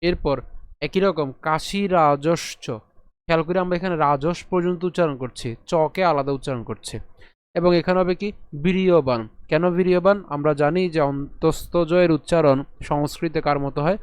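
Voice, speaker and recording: A man teaching how to pronounce verses, who asks his own questions, answers them, and chants lines slowly, syllable by syllable. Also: a little high, a little mellow, smooth, no room sound. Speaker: teacher of Sanskrit verse pronunciation. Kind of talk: recitation lesson.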